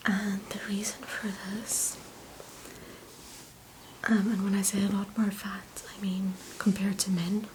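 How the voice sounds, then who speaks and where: A woman doing a whispered role-play as a spa massage host, speaking in a soft, soothing, gentle whisper. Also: medium pitch, level tone, slow, long pauses, a little hiss or hum, low-quality recording.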